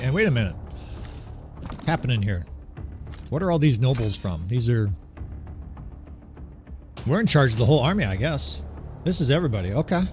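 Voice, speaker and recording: A man's voice: mid-range voice, darkish tone. Chatty man commentating gameplay. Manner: chatty, enthusiastic, keeps asking "right?". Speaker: gaming commentator.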